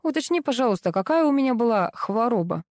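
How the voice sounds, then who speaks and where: A woman voicing a calm, restrained adult son and husband in an audiobook reading. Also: a little high, fast, dry recording, clean studio sound, voice pushed up.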